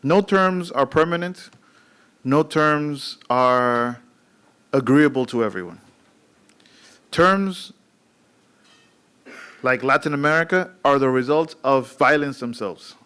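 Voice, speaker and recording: A man who gives the lecture, calmly gathering audience questions and starting his answers in a plain, easygoing way. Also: medium pitch, slow pace, long pauses, clear, resonant tone. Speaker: lecturer and moderator of the talk.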